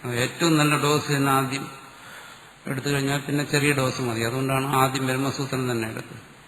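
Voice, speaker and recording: A man's voice: mid-range voice, flat delivery, normal speed, fairly bright tone, slight background noise. A man giving a spiritual discourse to a class as a swami, wry and teasing, repeating key words for emphasis. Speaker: swami teaching scripture. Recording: roomy hall echo with faint ambience.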